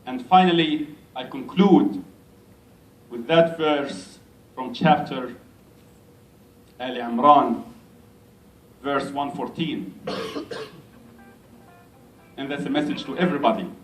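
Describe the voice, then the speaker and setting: Slow-speaking imam in echoey hall. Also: male voice, mid-range voice. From Egypt. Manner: unhurried, gently self-mocking speaker. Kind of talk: speech at a community gathering. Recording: echoey hall, mic at a distance.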